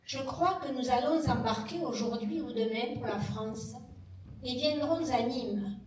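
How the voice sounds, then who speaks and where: Woman reader, high, slow and measured, echoey room from far off. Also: a crowd in the background. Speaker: reader of wartime letters. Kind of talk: slow public reading of letters.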